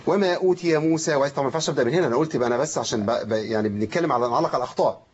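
A man with an Egyptian Arabic accent teaching Quran recitation rules. He chants verses slowly to demonstrate them and quizzes his students as he goes. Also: mid-range voice, darkish tone, slight background noise. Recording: dull lo-fi recording.

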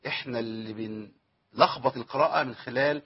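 With the highs cut off in the recording, a fast-talking man with a mid-range, slightly rough voice and an Egyptian Arabic accent teaches tajweed. He sets his own questions about Quran recitation rules, answers them, and stretches out the example verses.

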